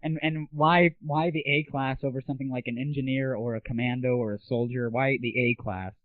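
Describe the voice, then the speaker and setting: Here the young host of a casual gaming audio show chats and questions his guest briskly, his medium-pitched voice staying fairly even in intonation. The recording is dry, with a tinny, phone-like, band-limited sound typical of 1990s internet audio.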